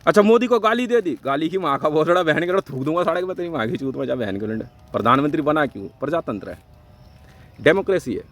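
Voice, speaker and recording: A man from India ranting angrily and swearing heavily in a vlog, jumping between loud outbursts and low mutters. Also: lively intonation, quick pace. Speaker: vlogger. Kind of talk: angry profane rant to camera.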